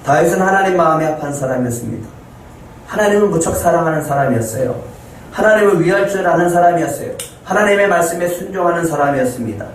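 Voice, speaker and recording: A man's voice: on the high side, animated, quick pace. Echoey distant male pastor preaching. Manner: storytelling, acting out quoted lines with rising emphasis. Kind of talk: sermon. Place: church sanctuary. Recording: echoey room, heard from a distance, faint noise.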